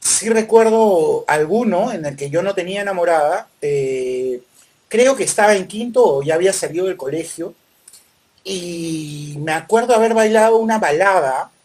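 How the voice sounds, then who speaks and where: A man's voice: high voice, lively intonation, normal speed, a little mellow. A middle-aged man with a Peruvian Spanish accent, a podcast host reminiscing casually and unhurriedly with his son, with many fillers. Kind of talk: casual chat.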